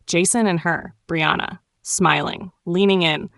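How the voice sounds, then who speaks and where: A woman narrating a dramatic first-person storytime tale in a cool, wry, sharp-tongued way. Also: on the low side, fairly even intonation, unhurried, vocal fry, no room sound.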